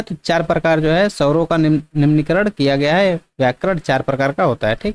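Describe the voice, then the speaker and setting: A man's voice: high voice, no room sound. A man teaching an exam-prep grammar lesson. He often checks in with "theek", asks questions and answers them himself, and sometimes stretches words out to demonstrate them.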